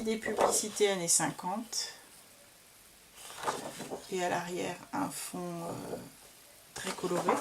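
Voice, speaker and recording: Woman, crafting vlog, leisurely pace, chatty and enthusiastic, noisy home recording with clicks. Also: mid-range voice. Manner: slow, chatty, enthusiastic with many fillers. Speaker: crafting vlogger. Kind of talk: casual show-and-tell of scrapbooking papers.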